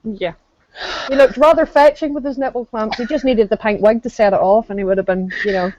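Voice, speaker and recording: A woman's voice: fairly high pitch, a little fast, a little mellow, no echo, lo-fi sound. A woman co-hosting a live stream with casual, informal banter.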